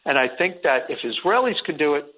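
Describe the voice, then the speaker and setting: Heard on a tinny phone connection, a middle-aged man speaks briskly and very animatedly in a slightly high, husky voice. He's an earnest, rambling interview guest who often restarts what he's saying.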